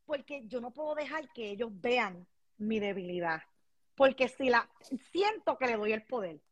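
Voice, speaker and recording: High-voiced, emphatic hostess. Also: female voice, normal speed, dry recording, dull audio. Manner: lively, emphatic, motivational. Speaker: host. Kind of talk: casual interview chat.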